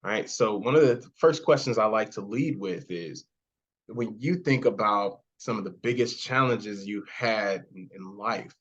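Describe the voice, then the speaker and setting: An enthusiastic man hosts a podcast interview in a relaxed, chatty way. He greets his guests and cheers them on. The recording sounds a little dull and lo-fi. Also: lowish voice, a little slow, husky. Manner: upbeat, enthusiastic, frequent praise. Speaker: podcast host. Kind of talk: casual interview chat.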